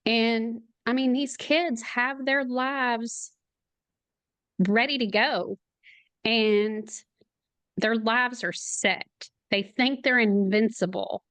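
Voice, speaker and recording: A middle-aged woman, a podcast guest, speaking in a slow, halting, emotional way, near tears at times. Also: a little high, fairly even intonation, fairly bright tone, no room sound. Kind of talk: podcast interview.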